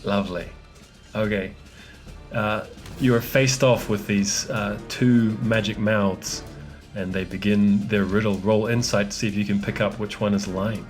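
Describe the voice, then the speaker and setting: A man narrating as game master of a tabletop game, relaxed and often laughing, with halting restarts. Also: fairly low pitch, faint music behind.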